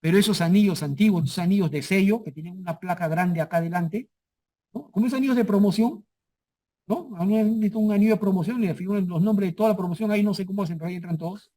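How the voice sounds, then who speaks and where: A man with a high-pitched voice lectures to a class. He stresses key words by saying them twice. He keeps asking the students if they are following along. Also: mellow. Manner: checks understanding often with repeated questions; repeats key terms for emphasis.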